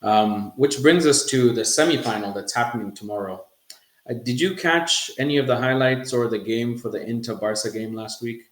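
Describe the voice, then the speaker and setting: A man's voice: mid-range voice, moderate pace, roomy sound. A man hosting a casual football podcast, chatting loosely and laughing now and then. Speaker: podcast host.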